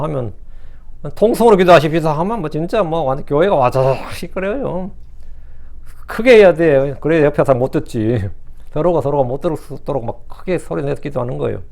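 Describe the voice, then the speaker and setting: Man, pastor, sermon, high-pitched, conversational asides, impassioned readings. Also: fairly quick, creaky. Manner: conversational preaching with frequent rhetorical "응?" asides; rises to loud, impassioned reading of scripture.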